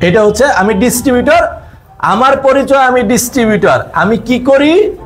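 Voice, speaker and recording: A man's voice: very high-pitched, animated, normal speed. A man with a Bangladeshi Bengali accent leading a live business seminar on direct selling. He quizzes the audience, repeats his points and mixes in English phrases.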